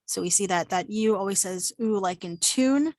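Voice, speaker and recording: A woman's voice: mid-range voice, moderate pace, a little mellow, dry recording. Woman teaching an online Latin class. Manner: unscripted, many ums and restarts. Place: home, virtual presentation.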